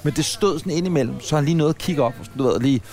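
A man chatting casually on a podcast recorded in a café, telling a long, rambling anecdote. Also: fairly high pitch. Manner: rambling, animated anecdote-teller. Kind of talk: casual storytelling chat.

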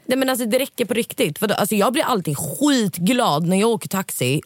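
A woman's voice: medium pitch, lively intonation, dry recording, clean studio sound. A woman co-hosting a casual chat, blunt and outspoken, swearing as she argues her point. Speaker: podcast co-host.

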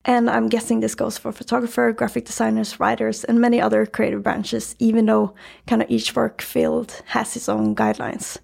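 Creaky-voiced Norwegian woman hosting. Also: on the high side, level tone, normal speed, a little mellow. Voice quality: husky, creaky. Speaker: podcast host and interviewer. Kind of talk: podcast introduction and interview. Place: indoor meeting room.

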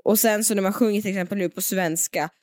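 A woman's voice: mid-range voice, steady tone, darkish tone, no room sound, clean studio sound. A young woman co-hosting a podcast in casual chat, enthusiastic and chatty. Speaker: podcast co-host.

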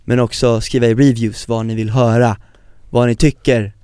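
A man co-hosting a casual podcast chat, a lively storyteller who slips into the voices of the people in his stories. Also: mid-range voice, clean tone, no echo, studio quality. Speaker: podcast co-host.

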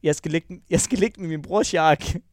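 A man's voice: fairly high pitch, no room sound. A man co-hosting a podcast, animatedly telling a funny story and laughing through it. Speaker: podcast co-host.

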